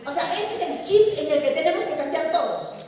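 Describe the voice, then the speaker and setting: In a large lecture hall, a middle-aged Peruvian woman speaks briskly to an audience of teachers in a high-pitched, darkish voice, with a Peruvian Spanish accent. She keeps asking questions and supplying the answers herself, and the echoey room is captured from far away.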